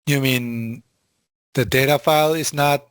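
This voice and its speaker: A man teaching a class over a video call, walking through spreadsheet formulas in a slow, halting way with frequent fillers. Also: medium pitch, steady tone, smooth, dry recording, clean studio sound. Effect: heard over a video call. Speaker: instructor. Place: video call from a quiet room. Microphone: computer mic on a video call.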